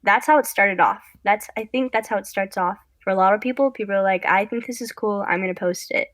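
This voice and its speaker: A woman's voice: mid-range voice, brisk, fairly bright tone, dry recording. Young woman, podcast guest, chatty, rambling, dry sound. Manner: rambling, chatty, self-interrupting. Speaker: guest, content creator. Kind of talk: casual podcast chat.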